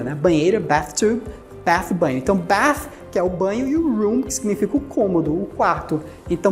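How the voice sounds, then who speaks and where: A woman with a Brazilian Portuguese accent teaching an English lesson, patiently explaining and repeating words slowly for pronunciation drills. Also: on the low side, darkish tone. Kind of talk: recorded language lesson.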